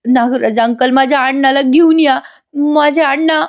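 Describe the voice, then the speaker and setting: A frightened young woman in a high, strained voice, stammering and pleading over and over, as a female narrator acts her out. She sounds close to tears and cannot calm down. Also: moderate pace. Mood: panicked crying. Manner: stammering, pleading, repeating herself.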